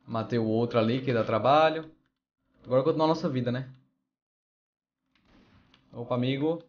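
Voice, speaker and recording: Excitable Brazilian gaming youtuber. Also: male voice, medium pitch, normal speed, dull audio. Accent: Brazilian Portuguese. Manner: excitable, joking, shouts greetings to viewers. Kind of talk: let's play commentary.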